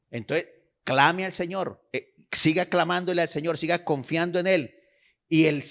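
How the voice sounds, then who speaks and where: A man's voice: on the high side, a bit bright. A man preaching a sermon, exhorting his listeners, repeating phrases and checking in with them, and reading scripture aloud with emphasis.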